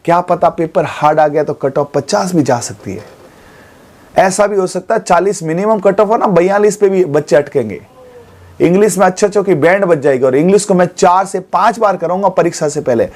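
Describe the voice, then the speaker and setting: A man's voice: high voice, a little fast, a little mellow. A man, teaching an exam coaching class in a studio. He keeps checking in with his students as he goes.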